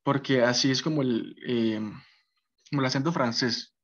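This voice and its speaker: A man's voice: medium pitch, normal speed, fairly bright tone. A man teaching a basic French class, explaining patiently and often checking that his students follow. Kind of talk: basic language lesson. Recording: dull lo-fi recording.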